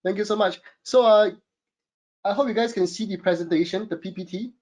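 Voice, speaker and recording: A high, brisk voice with a darkish tone belongs to this Singaporean webinar host and e-commerce consultant. He has a Singaporean English accent and presents from a home studio, chatty and full of fillers, repeatedly addressing people as "guys."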